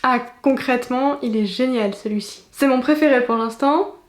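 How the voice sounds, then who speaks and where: Woman, 20s, high voice, chatty unboxing vlogger, roomy echo. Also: normal speed. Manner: chatty and enthusiastic, many exclamations. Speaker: booktuber. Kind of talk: casual unboxing chat.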